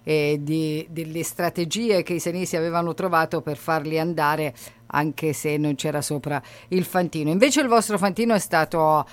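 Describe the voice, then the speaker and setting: A woman hosting a radio interview, asking lively questions with filler hesitations. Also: low-pitched, moderate pace. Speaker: radio host.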